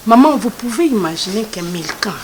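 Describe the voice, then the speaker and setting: A woman's voice: mid-range voice, animated, a little fast, close to an everyday voice. A woman, speaking in a hurt, hesitant way. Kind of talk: film acting. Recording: clicks and background noise.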